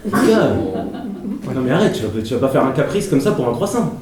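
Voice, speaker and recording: A man's voice: medium pitch, sing-song, normal speed, a little mellow, close to an everyday voice. An actor playing a bossy adult man who scolds and coaxes like a parent on a live stage. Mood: scolding. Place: live comedy stage in a theatre. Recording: very echoey, distant, noisy live stage capture.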